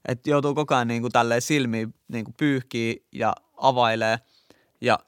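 A man's voice: medium pitch, fairly even intonation, fairly bright tone, clear, resonant tone, dry recording, studio quality. A man co-hosting a casual chat podcast, reading from an article and recounting his own dreams. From Finland. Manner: reads article excerpts, then tells dreams animatedly. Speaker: podcast co-host.

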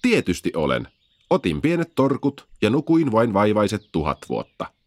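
A man's voice: on the low side, huge pitch swings, darkish tone, no echo. A man voicing an ancient, sleepy stone unicorn, kind, wry and reassuring. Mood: wry, gentle.

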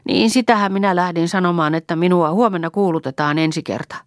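A woman reading an impulsive, talkative young village woman in an audiobook, lively and emotional. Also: fairly low pitch, no room sound, clean studio sound, voice pushed up, lightly acted. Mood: tearful. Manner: lively and chattering, quick to laugh and cry.

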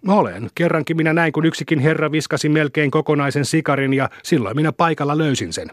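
A man's voice: a little high, dry recording, studio quality, voice pushed up, lightly acted. A man voicing a boastful, rowdy young village boy who brags and hurls taunts. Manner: bragging, taunting shouts.

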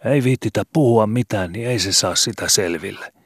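A cheeky young street boy speaks in offhand slang, his voice pitched far up and bright, as a deep-voiced man puts him on. This is a reading of an old storybook. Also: slightly rough, no echo, clean studio sound.

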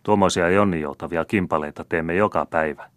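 An unbothered young scholar answers with easy, amused calm, as a male audiobook reader puts him on. The voice sits a little above a deep natural register. The sound is close and dry. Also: no echo, natural voice. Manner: easy, mildly teasing, unbothered. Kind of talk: audiobook character reading.

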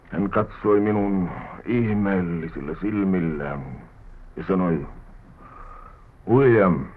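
An actor playing a penniless, worldly drifter in a vintage radio drama, talking wryly and theatrically with stray English words. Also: male voice, on the low side. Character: poor wandering drifter man, wry and worldly. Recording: tinny old radio broadcast recording.

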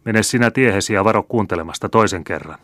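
A man's voice: low voice, dry recording, clean studio sound. A male audiobook reader voicing a stern, curious old grandmother who questions sharply. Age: older. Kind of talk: audiobook character reading.

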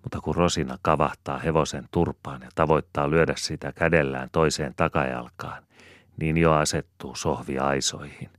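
Very deep-voiced male audiobook reader. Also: steady tone, fairly bright tone, dry recording, studio quality. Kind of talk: scripted narration.

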